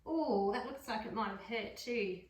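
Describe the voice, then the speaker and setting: A woman reading a picture book aloud to a dog, adding gentle chatty asides between pages. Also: fairly high pitch, lively intonation, normal speed. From Australia. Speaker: storybook reader. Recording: roomy room, mic far off.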